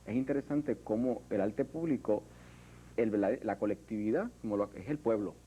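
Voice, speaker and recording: A Puerto Rican sculptor in an interview, speaking in a reflective, hesitant way with many fillers and restarts. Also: male voice, lowish voice, moderate pace, dark tone, breathy edge, low-quality recording. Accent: Puerto Rican Spanish. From Puerto Rico. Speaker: artist, sculptor. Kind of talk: interview conversation.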